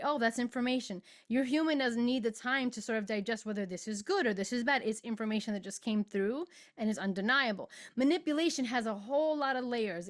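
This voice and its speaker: A middle-aged woman hosting a podcast and giving an earnest, emotional spiritual monologue, stretching out words for emphasis. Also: a little high. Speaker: podcast host and spiritual guide.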